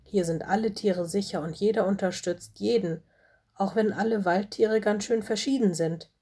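A woman voicing a gentle, caring fox who runs a forest school in a storybook reading. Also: medium pitch, moderate pace, husky, close to an everyday voice. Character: fox headmistress, kind and caring.

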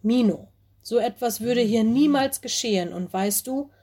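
A woman voicing a calm, kindly female cat headmistress in a storybook, speaking slowly and reassuringly. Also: a little high, breathy edge.

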